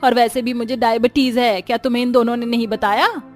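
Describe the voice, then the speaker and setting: A woman's voice: a little high, level tone, brisk, faint music behind, natural voice. Woman voicing a stern scolding mother-in-law. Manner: scolding, cursing outbursts. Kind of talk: dubbed cartoon story voice.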